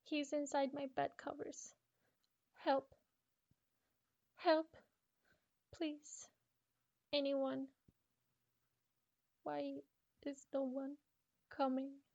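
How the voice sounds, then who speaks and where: A woman's voice: high voice, fairly even intonation, normal speed, dull audio, pitched above the performer's own voice, close to an everyday voice. A woman voicing a frightened, obsessive young schoolgirl reading out her horror diary, pleading, stammering and repeating herself. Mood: terrified, pleading.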